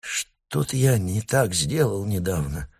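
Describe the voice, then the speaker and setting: A man voicing a meek, worn-out older husband who speaks quietly and mildly, in a storybook reading. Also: fairly low pitch, very animated, takes it slowly, gravelly, husky, voice pushed up, exaggerated voice. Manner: quiet, mild.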